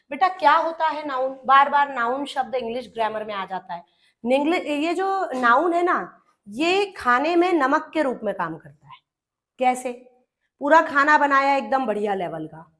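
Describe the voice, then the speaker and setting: A young Indian woman gives a grammar lesson for exam students, with a bright, high voice. She calls her listeners "beta" and talks them through each step. She keeps asking questions and answering them herself. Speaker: English grammar teacher. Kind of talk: exam-prep classroom lesson.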